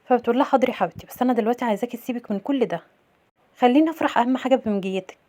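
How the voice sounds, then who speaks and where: A woman with an Egyptian accent casually recapping a drama episode, retelling each scene and quoting the dialogue in an even voice. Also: on the high side, racing. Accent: Egyptian Arabic. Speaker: series recap narrator.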